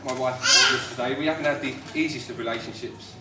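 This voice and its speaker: A British groom gives an informal, teasing wedding toast in a brisk, mid-range voice. The mic is distant and roomy, with loud crowd noise from noisy wedding guests.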